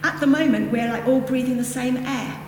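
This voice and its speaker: Speaking to a group from a hall with a lectern, this high-voiced woman keeps a moderate pace in her dharma talk. Her northern English accent carries a reflective Buddhist teaching that drifts into casual asides. Background noise and echo are audible, as the mic sits far away.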